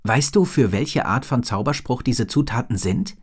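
A man's voice: mid-range voice, expressive, normal speed, darkish tone, breathy edge. A man reading a storybook and voicing an eager, earnest young male dragon master.

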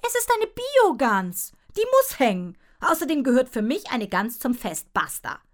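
A sharp-tongued, stubborn mother who bites back high and insistent, as a woman reading a storybook puts her on. She does not give an inch. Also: fairly even intonation, normal speed, lightly acted. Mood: defiant.

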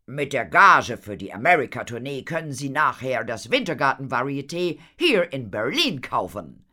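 A gushing, pompous man who runs a theatre, raised and loud, as a woman puts him on for a storybook. He talks in a grand, showy way, full of big promises and flourishes. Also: extremely low pitch, sing-song, moderate pace, pitched above the performer's own voice, exaggerated voice. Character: pompous excitable male theatre impresario.

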